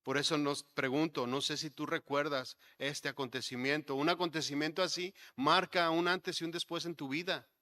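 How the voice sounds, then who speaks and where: A male pastor preaching a sermon, building to emphatic points and dropping to soft, low asides. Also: fairly even intonation, normal speed, few pauses. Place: church sanctuary.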